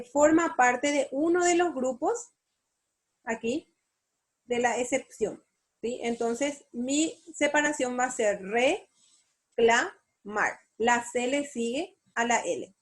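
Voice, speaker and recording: A woman teacher with a Paraguayan Spanish accent, giving an online spelling lesson and explaining step by step with frequent check questions. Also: high voice. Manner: slow, explanatory, asks rhetorical check questions. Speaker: university teacher.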